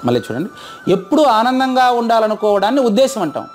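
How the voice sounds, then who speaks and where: A man's voice: sits high, big pitch swings, fast talker, faint music behind. A man teaching a group, asking his audience questions over and over and checking their answers. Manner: quizzes audience, repeats questions. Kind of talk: interactive lecture.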